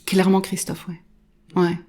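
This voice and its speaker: A middle-aged woman, a photographer being interviewed, talking in a lively, halting way with many restarts and repeated words. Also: fairly low pitch. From born in Morocco, raised in Nairobi and London. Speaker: guest, photographer. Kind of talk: casual interview conversation.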